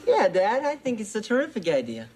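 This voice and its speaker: An eager teenage son. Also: male voice, high-pitched, huge pitch swings, fairly quick. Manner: eager, pleading. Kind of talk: sitcom acting. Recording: noisy TV sound with studio laughter.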